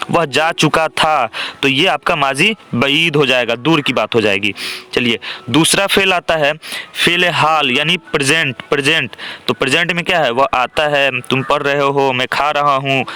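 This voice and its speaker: A man's voice: a little high, bright, forceful tone, clean tone. A young man teaching an exam-prep grammar lesson, explaining step by step and often checking in with "theek hai".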